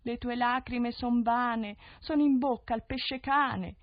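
A woman voicing a lost sister who answers from the sea in a slow, mournful rhyme, in a dull 1970s radio recording. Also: fairly high pitch, steady tone, no echo, pitched above the performer's own voice. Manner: slow, mournful rhyming reply. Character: drowned sister's voice from the sea, sorrowful.

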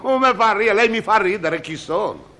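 A man's voice: on the high side, animated, moderate pace, sharp tone. A man playing a touchy, sarcastic television cameraman in a vintage comic sketch, grumbling and arguing back at his boss. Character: touchy, sarcastic male TV cameraman, stubborn and quarrelsome.

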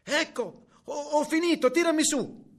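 A man's voice: huge pitch swings, a little slow, exaggerated voice. A man putting on a little girl's voice. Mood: shrieking. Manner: high, pleading childlike voice. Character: clever little girl outwitting an ogress.

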